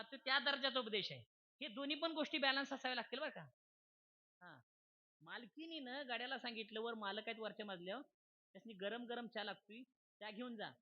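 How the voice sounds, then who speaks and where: A man's voice: sits high, background noise. A man, giving a humorous devotional sermon in a folksy style, often checking that the crowd is following. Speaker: kirtan preacher. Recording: dull lo-fi recording.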